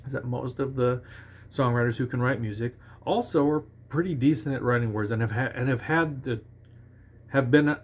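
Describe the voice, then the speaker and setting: Man teaching songwriting casually. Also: medium pitch. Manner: conversational, with restarts and sung "da da" examples; self-assured about his own lyric writing. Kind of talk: casual instructional talk.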